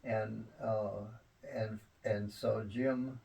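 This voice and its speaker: An elderly man reminiscing in a rambling grandpa way about family history, halting often and repeating his words. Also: fairly low pitch, fairly even intonation, creaky, mellow, distant mic, dull audio. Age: 70s or older.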